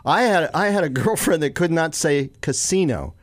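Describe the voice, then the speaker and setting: A man co-hosting a radio show, talking in a loose, chatty way. He laughs often and trips over his words. His voice sits a little high, and the studio sound is dry and close. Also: animated, moderate pace, dry recording. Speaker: radio co-host. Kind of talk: casual chat.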